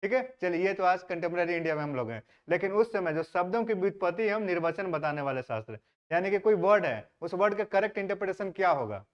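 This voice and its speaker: A man's voice: high voice, animated, fast talker. A male teacher gives an exam-prep history lecture. He asks the class questions and answers them himself, and he mixes English words into his talk. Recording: dull lo-fi sound.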